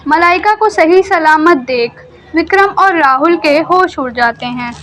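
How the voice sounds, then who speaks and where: A woman gives scripted narration for a cartoon story, steady and even. Her voice is high. A faint background noise runs under the recording. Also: a little slow.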